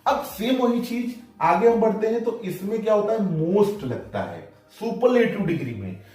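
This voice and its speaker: A man teaching a grammar lesson at a board, lively and often telling students to pay attention. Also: high-pitched, normal speed. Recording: very echoey room, voice from far off, faint music.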